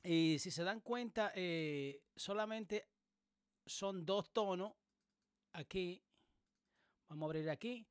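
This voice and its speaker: A man hosting a music production tutorial, explaining things casually with many pauses and fillers. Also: high-pitched, clean tone, no echo, clean studio sound. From Dominican Republic. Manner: relaxed, explanatory, many hesitations. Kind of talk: casual screen-recorded tutorial. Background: beat playing in the background.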